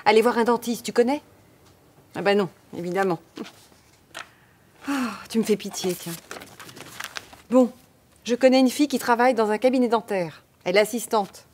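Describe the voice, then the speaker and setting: An actress playing a bossy, scornful woman who scolds a man with a sharp tongue. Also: on the high side, normal speed, pauses often, slight background noise, close to an everyday voice. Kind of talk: film acting.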